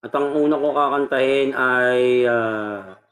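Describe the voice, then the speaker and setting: A man's voice: medium pitch, slow. A man hosting a casual singing livestream, teasing and laughing with his listeners. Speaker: livestream host and singer. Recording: loud background noise.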